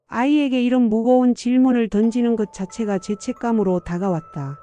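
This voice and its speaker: An older woman narrating a first-person audiobook story in a measured, somber way. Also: on the high side, dark tone.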